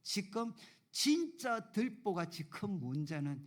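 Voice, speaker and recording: A stern, fatherly God, as a preacher puts him on, scolding with blunt, gruff words. The voice sits a little lower than his usual speaking pitch and stays plain and everyday. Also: big pitch swings, slow, exaggerated voice.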